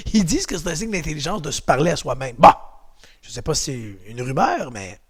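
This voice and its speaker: A man's voice: fairly high pitch, sing-song, brisk, breathy edge. A man with a Québécois accent, leading a home exercise and martial arts class in a chatty, encouraging, playful way. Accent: Québécois French.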